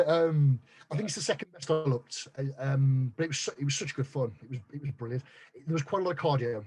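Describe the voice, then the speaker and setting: Guy rattling on quick, bit husky, blunt and sweary podcast guest. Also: medium pitch, a little mellow. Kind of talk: casual chat.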